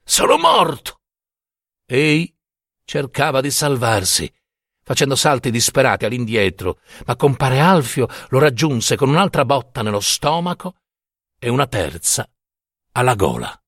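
A man's voice: mid-range voice, sing-song, normal speed, a bit bright, no room sound, studio quality. A man narrating a classic short story in a dramatic, theatrical reading.

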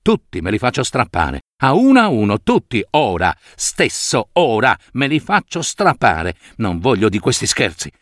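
A man's voice: medium pitch, wildly swooping pitch, normal speed, few pauses, dry recording. A cranky notary with a throbbing tooth snaps and rants, his voice swinging widely up and down, as a male narrator puts him on. The sound is close and dry, with no room around it. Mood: furious. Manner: irritable, shouting in exasperation. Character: grumpy middle-aged male notary with toothache.

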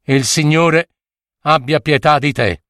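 A man's voice: fairly high pitch, takes it slowly, fairly bright tone, dry recording, studio quality, voice pushed up. A man voicing a horrified, pious old village priest who speaks in a solemn, fervent way.

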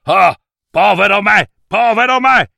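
A man's voice: fairly high pitch, animated, a little slow, vocal fry, sharp tone, no room sound, voice pushed up, exaggerated voice. A blustering storybook wizard with a raised, theatrical voice that slides into wailing and begging. A man puts him on while narrating. The sound is dry and close to the mic. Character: blustering wizard who turns cowardly.

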